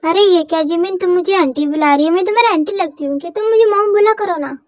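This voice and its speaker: In a fan-fiction voice story, a woman with a very high, quick voice plays a fussy, doting middle-aged mother-in-law coaxing a shy girl. The recording is studio quality with no room sound.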